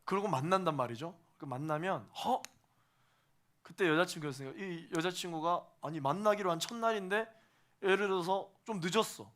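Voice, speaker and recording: A male pastor preaching to young adults, emphatic, repeating phrases for stress and swinging between soft and loud. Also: high-pitched, brisk. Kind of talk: sermon to a young adults' congregation.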